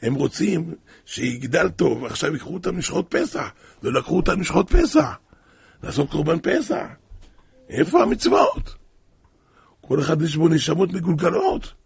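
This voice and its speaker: Gravelly, raspy man telling a story. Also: big pitch swings. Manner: dramatic, with sudden high exclamations and hushed drops. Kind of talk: animated religious storytelling.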